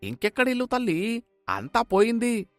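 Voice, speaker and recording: A man voicing a sympathetic older villager in an animated storybook, speaking with exclaiming concern. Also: very high-pitched, normal speed, no echo, faint music behind, voice pushed up, exaggerated voice. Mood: grave. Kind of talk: storybook voice acting.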